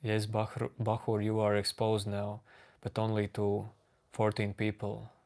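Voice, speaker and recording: Calm flat-voiced man with a Latvian accent. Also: on the low side, gravelly. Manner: slow, calm, reading out chat names. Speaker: livestream host. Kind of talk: casual chat with live chat readers.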